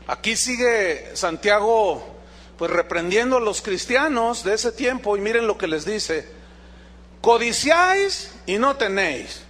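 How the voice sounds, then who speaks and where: A man preaching a sermon as pastor, animated, asking the congregation rhetorical questions and acting out dialogues. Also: sits high, a little slow.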